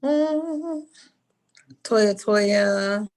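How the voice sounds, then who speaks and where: A woman instructor runs an online orientation for a hair school over a video call. She calls on students one by one in a friendly but directive way, with a voice of ordinary pitch. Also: expressive, drawn-out words, darkish tone, rough recording.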